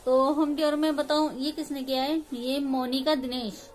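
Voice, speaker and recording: A rambling woman vlogger in her thirties chats to viewers from her room at home, speaking in a fairly high voice. Faint ambient noise sits behind her phone recording. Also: fairly even intonation, moderate pace. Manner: rambling, emotional, many restarts and fillers. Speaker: family vlogger. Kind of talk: casual chat to viewers.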